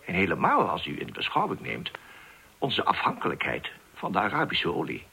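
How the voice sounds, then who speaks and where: An actor playing a cautious elderly chancellor in a radio drama, speaking formally and deliberately. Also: male voice, deep voice, wildly swooping pitch, vocal fry, bright, forceful tone, husky, exaggerated voice. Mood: measured. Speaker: statesman.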